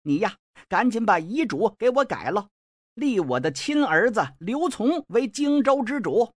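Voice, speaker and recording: A man voicing a ruthless, scheming middle-aged noblewoman who gives orders and mocks her brother in a shrill, high voice. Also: very animated, measured pace, dry recording, clean studio sound, full character voice. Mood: scornful, commanding. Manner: mocking, commanding, shrill.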